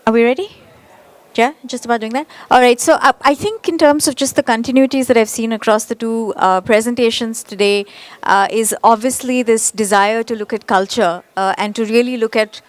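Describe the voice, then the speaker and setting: A woman moderating a conference panel, measured and full of uhs as she introduces speakers. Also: on the high side.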